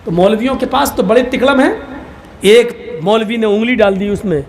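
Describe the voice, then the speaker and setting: A man preaching a sermon, telling funny stories and acting out the people in them, climbing to shouts. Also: high voice. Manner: animated, acts out quoted characters, rises to shouting. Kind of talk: Islamic sermon with storytelling.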